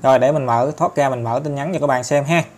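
A man with a Southern Vietnamese accent talking viewers through an app tutorial step by step, chatty and filling pauses often. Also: mid-range voice, darkish tone. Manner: chatty, step-by-step, many fillers and tag particles. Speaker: tutorial host. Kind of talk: screen-recorded app tutorial.

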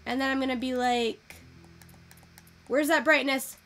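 Chatty high-voiced young woman. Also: fairly even intonation, a little slow, a bit bright. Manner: chatty, swears casually, thinks aloud. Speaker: virtual photography streamer. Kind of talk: casual tutorial chat.

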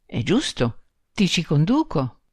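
A woman voicing a timid, saddened middle-aged bridegroom who speaks gently and low. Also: wildly swooping pitch, takes it slowly, breathy edge, dry recording, studio quality, full character voice. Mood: subdued. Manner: timid, gentle, then gloomy.

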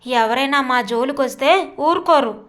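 A woman voicing a lively, stubborn young female college student who answers back teasingly in a storybook reading. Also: high-pitched. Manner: teasing, stubborn, quick retorts.

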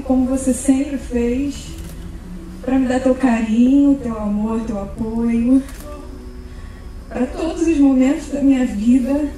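A woman's voice: a little high, dark tone. A young adult woman with a Brazilian Portuguese accent, speaking her wedding vows as a bride into a handheld mic. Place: outdoor night wedding with guests. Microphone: handheld mic through speakers, filmed from afar. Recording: echoey far-off event recording, noisy.

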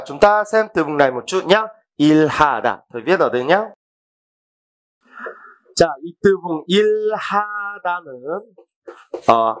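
A man teaching a language lesson, explaining vocabulary and repeating each word slowly, often asking if students understand. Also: fairly high pitch.

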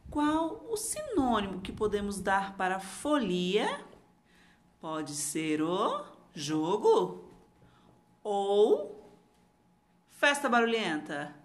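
A Brazilian woman giving a lesson to young children as their teacher, posing questions and answering them. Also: a little high. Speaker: primary school teacher.

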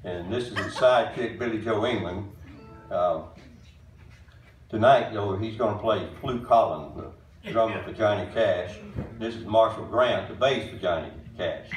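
Speaking from a small stage in a wood-walled music barn, an octogenarian bandleader with a deep voice opens a tribute show, addressing the crowd plainly and hesitating with frequent uhs. A faraway camera captures the stage microphone, giving a distant, roomy hall sound with a slight hiss or hum.

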